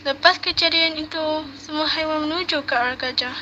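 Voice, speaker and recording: Young woman narrating a puppet story, high sharp voice, bit muffled. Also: fairly even intonation, a little fast. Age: young adult. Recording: dull noisy home recording.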